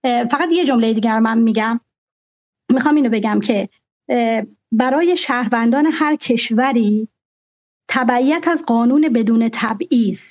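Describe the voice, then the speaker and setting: A woman makes her case on a discussion show, earnest and measured. Her voice sits a little high, and the audio sounds dull and lo-fi. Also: a little mellow. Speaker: guest. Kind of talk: discussion with a host.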